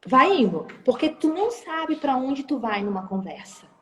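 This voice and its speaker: A woman, a guest in a live-stream interview, talking in an animated way and acting out sales calls. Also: sits high, normal speed, long reverb tail, slight background noise. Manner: animated, acts out phone calls and sales talk. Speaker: entrepreneur guest. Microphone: phone or video call.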